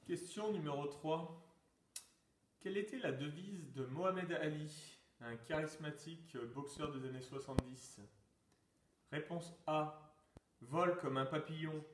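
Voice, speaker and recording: A fairly high-voiced man quizzing his pupils on sport trivia and calling out "top" before each workout exercise. He sounds set back from the mic in a reverberant room, reading each answer choice in a teacherly way. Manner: announcing questions, calling out "top!" to start exercises. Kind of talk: lockdown quiz and exercise session. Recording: echoey room, mic far off.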